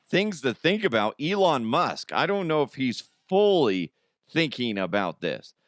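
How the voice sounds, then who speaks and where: With a fairly low, clean-toned voice, a podcast host riffs crudely and jokingly, cracking himself up in a casual comedic monologue. The studio sound is clean and echo-free.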